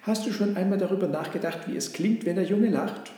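A man's voice: high voice, brisk, dark tone, voice pushed up, close to an everyday voice. A man doing a teasing little storybook sheep. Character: small sharp-tongued sheep, gently mocking. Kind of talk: storybook reading. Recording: echoey hall, long reverb.

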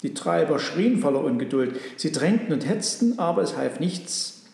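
A man narrating a Christmas storybook in a calm, measured way. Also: on the high side, gravelly. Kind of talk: storybook reading. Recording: echoey room.

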